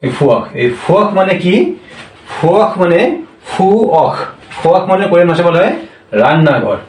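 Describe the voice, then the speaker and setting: A man giving a spoken language lesson. He speaks slowly, repeats each point and asks questions that he answers himself. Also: high-pitched, expressive, recorded from a distance. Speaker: Korean language teacher. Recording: roomy, from off the mic.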